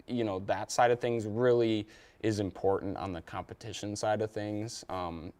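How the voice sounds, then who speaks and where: A man's voice: on the low side, steady tone, normal speed, darkish tone. A young man from Wisconsin, a competitive angler, talking casually as a TV guest with many fillers and restarts. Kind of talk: casual interview.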